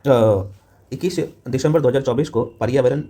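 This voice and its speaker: A man's voice: mid-range voice, dark tone. A man teaching an exam revision class in an informal, matey way, often tossing short check-in questions to his listeners. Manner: rapid-fire delivery peppered with short check-in questions. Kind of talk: fast revision lecture to camera.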